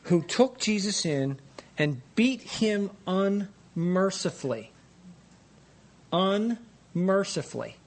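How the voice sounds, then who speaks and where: A man preaching a dramatic storytelling sermon, emphatic and deliberate, repeating phrases for weight. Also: expressive. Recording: live sermon with faint rumbling noise.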